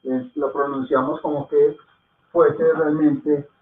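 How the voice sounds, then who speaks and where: A man's voice: fairly high pitch, level tone, slow. A man teaching a language lesson, patiently repeating words to drill their pronunciation and checking in with his students. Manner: checks in with soft "¿mm?" and "¿ok?". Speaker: Hindi teacher. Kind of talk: slow spoken lesson. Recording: echoey, phone-like lo-fi sound.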